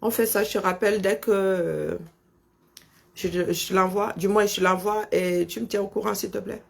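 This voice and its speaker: A woman with a lisp that makes her s sounds slushy, chatting casually and haltingly, often repeating words as she thinks. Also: medium pitch, fairly even intonation. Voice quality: husky, creaky voice. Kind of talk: casual chat, talking to herself and on a phone call.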